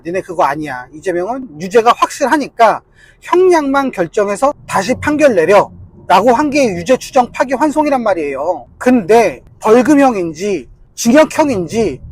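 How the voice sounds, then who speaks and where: A man's voice: extremely high pitch, darkish tone, husky, no echo, low-quality recording. A man giving a casual political commentary monologue, argumentative and insistent, repeating his points to hammer them home.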